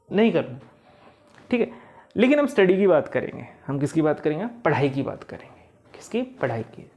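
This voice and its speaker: A man's voice: on the high side, vocal fry, a little mellow. Man teaching, quizzing his listeners. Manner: asks quiz questions and answers them himself; often adds "okay" and "isn't it" to check in. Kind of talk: study-tips lesson.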